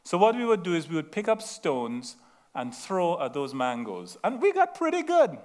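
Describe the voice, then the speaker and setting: The pitch swoops wildly in this high voice, at normal speed, belonging to a middle-aged Trinidadian-accented preacher. He tells stories and drifts into asides, laughs at his own expense, and keeps checking with the room: "right?"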